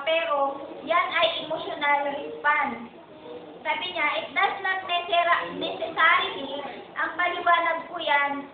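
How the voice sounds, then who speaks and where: High-voiced woman teaching in an echoey hall. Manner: keeps repeating "sabi niya" while retelling a preacher's points. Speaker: Bible study teacher. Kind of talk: Bible study teaching. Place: chapel hall. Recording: tinny, echoey, distant lo-fi hall recording.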